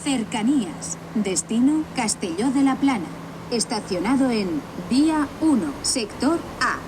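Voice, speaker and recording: A woman's voice announces departures over a PA system in a train station. She speaks a little higher than most women, in measured, evenly clipped phrases. The loudspeaker sounds distant, under loud background noise. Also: expressive.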